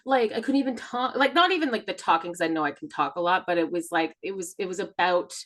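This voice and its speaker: A woman co-hosting a podcast talks quickly in a lowish voice, chatty and confessional. She's candid, swears freely and animates her stories by acting out dialogue.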